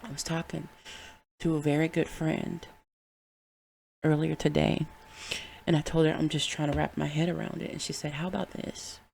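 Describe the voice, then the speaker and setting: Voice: medium pitch, completely flat delivery, normal speed, creaky, long pauses, a little mellow, slight background noise. A podcast host giving a candid, heartfelt solo monologue, with casual swearing.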